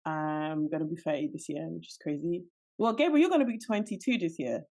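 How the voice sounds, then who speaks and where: A woman's voice: deep voice, a little fast, warm tone. A woman in her late twenties co-hosting a podcast, chatting casually and laughing easily. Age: 20s. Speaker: podcast co-host. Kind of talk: casual chat.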